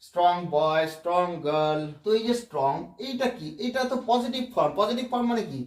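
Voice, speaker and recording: Man, Bengali accent, grammar teacher, high-pitched, patient step-by-step explaining, roomy echo. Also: animated. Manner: explains patiently, repeats words slowly and checks with "right?". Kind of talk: classroom grammar lesson.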